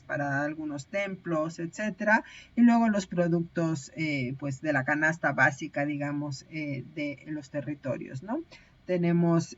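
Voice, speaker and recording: A woman's voice: sits low, muffled recording. A woman teaching a recorded online lecture, explaining step by step with frequent hesitations and self-corrections.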